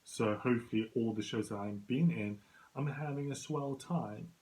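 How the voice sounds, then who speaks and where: A man's voice: medium pitch, normal speed, a little mellow, rough recording. A man hosting a casual show, telling rambling backstage stories in a chatty way and often laughing at himself. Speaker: host. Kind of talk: casual anecdotal monologue.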